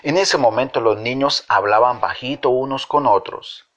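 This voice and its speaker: A man reading a Bible story for children in a slow, expressive, sing-song way. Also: medium pitch. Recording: dull lo-fi recording.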